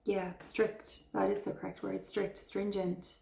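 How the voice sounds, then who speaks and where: Slow, gravelly-voiced woman reading tarot. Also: mid-range voice, flat delivery, warm tone, echoey room. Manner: slow, earnest and affirming, with emotional praise. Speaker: tarot reader. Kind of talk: intuitive tarot reading to camera.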